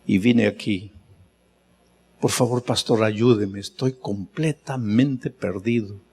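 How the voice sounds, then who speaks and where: A male pastor voicing a tearful young man who pleads for help in a low, broken voice. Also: slow, darkish tone. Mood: despairing. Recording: long reverb of a large hall.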